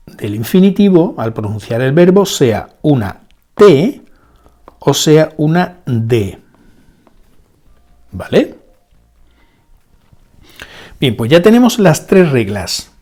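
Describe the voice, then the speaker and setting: A male teacher, a native Spanish speaker, walks through a language lesson at an unhurried pace. His pitch rises and falls in a lively way, and he says each example word twice. He keeps asking quick checking questions as he explains. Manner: slow and deliberate, repeating each example word; checks in with frequent rhetorical questions. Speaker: English teacher.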